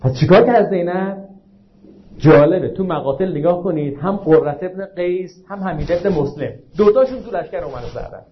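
Male preacher, high voice, religious sermon, rhetorical questions, slows down to stress quotes, dull lo-fi sound. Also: a little hiss or hum. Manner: asks the audience frequent rhetorical questions; slows down to recite and stress quotations. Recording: dull lo-fi recording.

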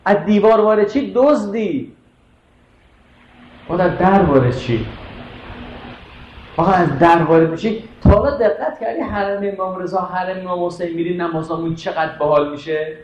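Impassioned high-voiced male preacher, echoey hall. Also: pauses often, darkish tone. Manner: impassioned, rhetorical questions to the audience. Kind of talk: sermon. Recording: echoey muffled hall recording with faint noise.

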